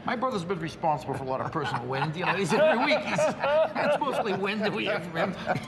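Male radio host, bright animated delivery, jokey and quick with gags. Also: sits high, a loud crowd. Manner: wisecracking, laughs often. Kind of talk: joking banter.

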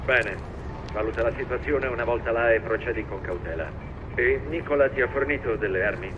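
Un attore che interpreta un comandante calmo e misurato, che dà ordini via radio. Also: male voice, mid-range voice, dull audio, background noise. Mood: calm orders. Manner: calm, measured, giving orders. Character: composed male commander issuing orders by radio. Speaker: field commander. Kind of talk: video game dub acting.

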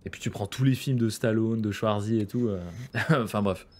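A man's voice: fairly low pitch, steady tone, moderate pace, a little mellow. A man casually commentating a horror game, chatty and joking with slang and asides. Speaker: gaming streamer. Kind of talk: let's play commentary.

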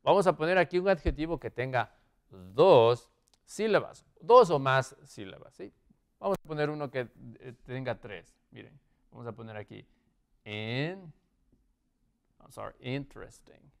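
Lively, clear-voiced male teacher. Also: medium pitch, a little slow. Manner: checks in with frequent "¿sí?" and "¿ok?"; moves around while writing on the board. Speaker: English teacher. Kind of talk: classroom lesson.

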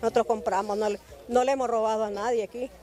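Honduran woman middle aged, blubbering, mellow voice, answering a street reporter. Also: on the high side, fairly even intonation, fast. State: crying, blubbering. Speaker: evicted resident. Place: outdoors at a roadside stall. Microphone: handheld reporter microphone.

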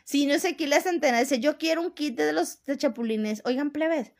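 A woman's voice: high voice, moderate pace. A Mexican woman hosting a casual live stream, reading out viewer comments in a chatty, teasing way and laughing often.

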